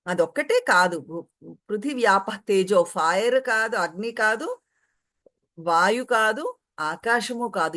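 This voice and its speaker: A woman giving a calm, explanatory spiritual talk, reciting Sanskrit verses and acting out everyday quotes. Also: on the high side. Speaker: spiritual teacher translating commentary. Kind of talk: spiritual discourse.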